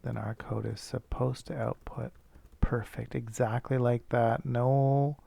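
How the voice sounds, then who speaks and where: Gravelly man talking through code. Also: mid-range voice, steady tone, a little slow, mellow, no echo. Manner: thinking aloud, self-correcting, casual. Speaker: teacher. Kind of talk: screencast coding lesson.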